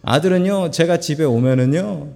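A middle-aged man preaching a sermon, telling stories with humorous asides in an animated way, recorded in a church sanctuary. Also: fairly high pitch, normal speed, creaky. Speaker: pastor. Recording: long church hall reverb.

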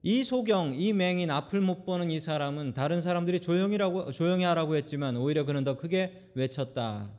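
Pastor, male, high-ish voice; dramatic sermon delivery with rhetorical questions and call-and-repeat prayers. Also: brisk, few pauses, darkish tone. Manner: dramatic, voice swelling on points and dropping low on quoted verses. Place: church, Friday prayer meeting.

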